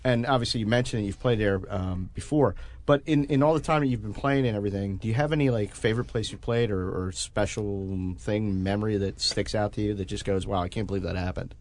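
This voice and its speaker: Fast-talking low-voiced male interviewer. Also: a little mellow. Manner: brisk, quick affirmations. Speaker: interviewer host. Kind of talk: casual interview.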